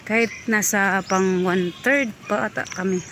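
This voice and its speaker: A woman's voice: mid-range voice, fairly even intonation, normal speed, noisy background. A woman from the Philippines with a Cebuano accent, out of breath and chatty, exclaiming at sights as she walks uphill filming a vlog outdoors on a phone. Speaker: vlogger. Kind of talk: casual walking vlog. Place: outdoors on a hillside path.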